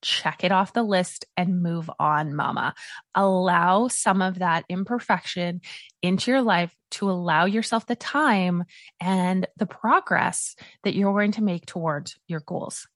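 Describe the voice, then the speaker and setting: A woman giving upbeat, tidy motivational advice like a coach on a vlog, with deliberate, emphatic phrasing and an encouraging step-by-step delivery. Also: lowish voice, fairly bright tone, no room sound, studio quality.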